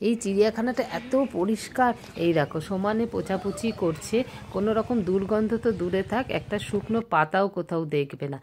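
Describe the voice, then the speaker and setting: A woman's voice: mid-range voice, brisk, a little hiss or hum. A woman vlogging as she walks around a zoo, talking chattily to a handheld camera. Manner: chatty, excitable pointing-out. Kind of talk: casual walking vlog narration. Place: outdoors at a zoo.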